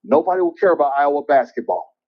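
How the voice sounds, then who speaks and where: A man calling in to a show from a parking garage, heard over a phone line that sounds like speakerphone, blunt and opinionated with halting restarts. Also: fairly high pitch, wildly swooping pitch, vocal fry, crowd noise. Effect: phone call that sounds like it is on speakerphone. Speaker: caller. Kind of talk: casual call-in chat.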